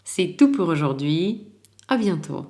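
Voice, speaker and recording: A woman teacher gives a lesson in a low voice. She speaks calmly and unhurriedly. She repeats each word clearly for the listener to practise. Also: measured pace. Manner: calm, clear instructional delivery, repeats words for practice. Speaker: language teacher. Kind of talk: recorded language lesson.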